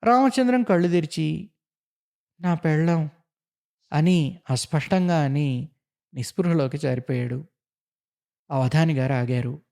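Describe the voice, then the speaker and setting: A man's voice: on the high side, unhurried, gravelly, pauses often, mellow. A man narrating a short story aloud, acting out the characters' lines with drama. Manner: dramatic storytelling with acted dialogue.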